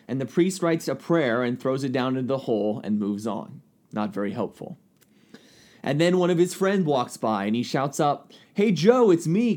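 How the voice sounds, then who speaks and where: A man, an associate pastor co-hosting a podcast, who chimes in affirmingly and tells a story in a steady way. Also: mid-range voice. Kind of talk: casual podcast chat and storytelling.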